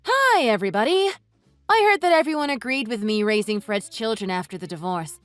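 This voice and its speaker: A woman voicing a furious wife who mocks and cuts into her in-laws with sarcasm, over soft music. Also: a little high, animated, brisk, no room sound, natural voice. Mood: sweet. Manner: sarcastic, cutting, mocking. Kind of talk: read-aloud text-message story. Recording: dry voice with soft music underneath.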